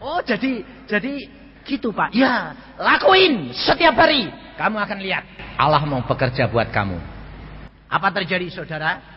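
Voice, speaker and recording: A man's voice: sits high, sing-song, normal speed. An older man with a Javanese accent preaching a sermon, telling stories with animation and acting out the people in them. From Central Java, Indonesia. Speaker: evangelist preacher. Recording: dull, reverberant hall recording with faint noise.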